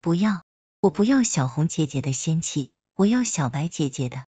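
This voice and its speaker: A woman's voice: low-pitched, lively intonation, moderate pace, dark tone, slightly rough, no room sound. A woman reading a story aloud, voicing a cheeky, playful young man who wheedles and teases.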